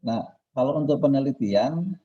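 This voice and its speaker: A man's voice: medium pitch, animated, normal speed, warm tone, slightly rough, muffled recording. A man leading a study, speaking hesitantly in an online meeting as his video call audio breaks up and cuts out. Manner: hesitant, with fillers and restarts. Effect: choppy audio breaking up on a video call.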